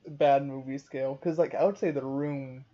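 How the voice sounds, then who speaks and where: A young woman co-hosting a casual movie review chat in a relaxed, laid-back way, full of "like". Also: a bass voice, normal speed. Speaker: film review co-host. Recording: dull lo-fi sound.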